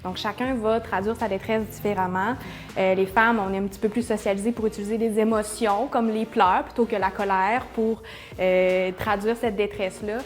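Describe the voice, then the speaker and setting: A woman's voice: mid-range voice, fairly even intonation, normal speed, soft background music. A woman with a Québécois accent who works at a shelter, answering interview questions in an earnest way. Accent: Québécois French. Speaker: shelter worker.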